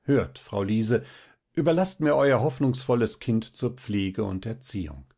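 A man voicing a kindly, doting older village pastor who speaks in an earnest, unhurried way. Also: on the low side, animated, warm tone.

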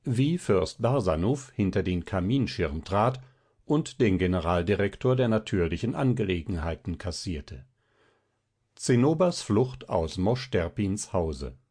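A man reading a classic tale aloud in a slow, measured, solemn manner. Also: lowish voice, a little mellow, husky. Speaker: audiobook reader. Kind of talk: scripted narration of a classic tale.

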